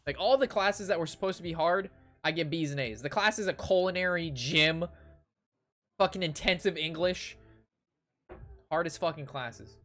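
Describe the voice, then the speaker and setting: Soft background music plays as a young game streamer, his voice a little high and a bit bright, speaks at a moderate pace. He's ranting casually to chat during a card game, profane and exasperated, repeating phrases as he tells his stories.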